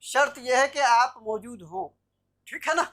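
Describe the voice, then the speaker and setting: Woman teacher, high pitch, explanatory online lecture over a video call, keeps checking students follow. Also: expressive, measured pace, fairly bright tone. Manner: explanatory, checks understanding with "theek hai na". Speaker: Arabic grammar teacher.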